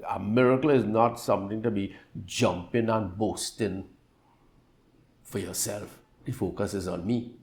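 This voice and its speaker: A man's voice: lowish voice, steady tone, a little slow, a little mellow. A man preacher voicing Jesus as a stern but caring teacher, warning firmly in an everyday voice.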